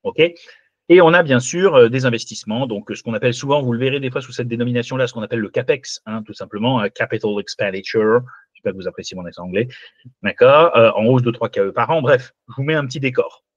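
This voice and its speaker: A man's voice: mid-range voice, quick pace, no echo, highs cut off. A man teaching a live online class who walks through a spreadsheet and keeps asking "d'accord?" to check the students are following. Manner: lively, checks in often with "d'accord?". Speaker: finance teacher.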